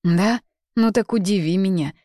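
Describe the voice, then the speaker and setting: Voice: medium pitch, moderate pace, mellow, no room sound, clean studio sound, pitched above the performer's own voice, close to an everyday voice. A reader voicing a brash, possessive young man in a romance audiobook, speaking bluntly and coarsely. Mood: heated. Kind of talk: audiobook character reading.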